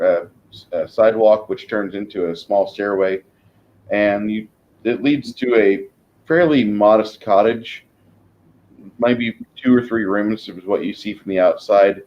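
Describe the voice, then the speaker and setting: A man narrating a tabletop fantasy game as game master, improvising haltingly with pauses to find his words. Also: fairly low pitch, a little mellow, lo-fi sound. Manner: halting, pausing mid-sentence to search for words.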